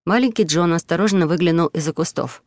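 A man narrating an audiobook story in a steady, expressive way. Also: fairly high pitch, quick pace, no room sound, clean studio sound.

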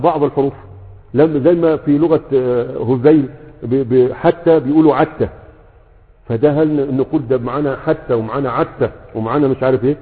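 Fast-talking Egyptian man teaching grammar. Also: fairly high pitch. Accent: Egyptian Arabic. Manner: keeps checking in with rhetorical questions. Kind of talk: lecture with a class. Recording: echoey, tinny phone-like sound.

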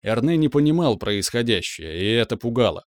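A man narrating an audiobook in a steady, expressive storytelling voice. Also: medium pitch, brisk, no echo, studio quality.

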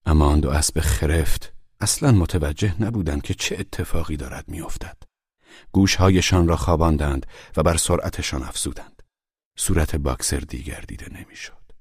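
Deep-voiced man narrating a story. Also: darkish tone, no room sound, clean studio sound. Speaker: audiobook narrator.

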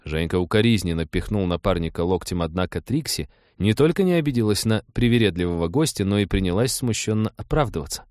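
A man narrating an audiobook in a steady, even storytelling manner. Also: sits low, quick pace, few pauses, no room sound. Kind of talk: scripted narration. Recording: dry close mic.

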